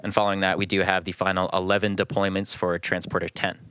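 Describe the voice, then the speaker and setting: A man's voice: low-pitched, level tone, quick pace, a bit bright, smooth, no echo. A man hosting a live launch webcast with composed, informative, explanatory commentary.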